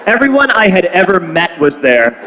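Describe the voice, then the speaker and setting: A young man telling a comedic story, animated and shouting his punchlines. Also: sits high, normal speed, roomy sound, very noisy.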